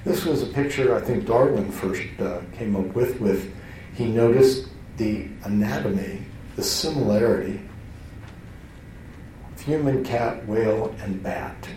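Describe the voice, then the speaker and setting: A man with a low-leaning, warm voice lectures a class at an unhurried pace, with slight background noise. His style is conversational and self-interrupting, with frequent sentence restarts, and he sounds far off in a roomy hall.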